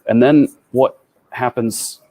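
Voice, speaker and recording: A man giving a fast, upbeat, conversational tech talk as a developer advocate over a video call. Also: mid-range voice, fairly even intonation, mellow, no room sound. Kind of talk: tech meetup presentation.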